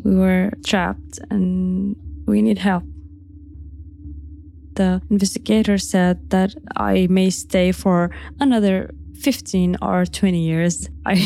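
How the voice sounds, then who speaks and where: A young woman whose first language is Arabic, recounting her own experience in halting speech, repeating words with soft nervous laughs. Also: mid-range voice, creaky. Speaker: interviewee. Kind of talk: recounting personal testimony.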